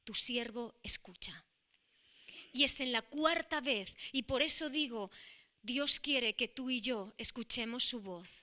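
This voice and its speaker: A woman's voice: sits high, unhurried, bright, forceful tone. A woman with a Spain Spanish accent preaching a sermon, reading scripture and expounding it with emphatic, rising declarations.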